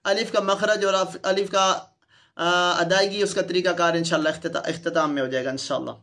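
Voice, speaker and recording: A man's voice: high voice, steady tone, pushed and bright. A man with a Pakistani Urdu accent, a Quran teacher patiently demonstrating letter sounds for other teachers in a recorded lesson.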